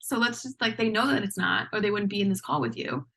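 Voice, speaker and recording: Chatty woman with a bright voice. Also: mid-range voice, expressive, fast talker, breathy edge, low-quality recording. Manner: chatty, frequent "like" and restarts. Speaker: guest, implementation lead. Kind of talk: casual podcast conversation.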